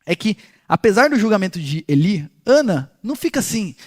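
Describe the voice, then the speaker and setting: A man teaching a Bible passage in an animated storytelling way, talking directly to his listeners. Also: high-pitched, a little fast. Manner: speaks directly to listeners as "gente". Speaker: pastor teaching a Bible study.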